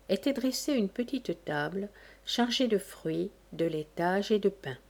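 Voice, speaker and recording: A woman narrating a classic novel in a measured, deliberate reading. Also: fairly low pitch, mellow. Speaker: audiobook narrator.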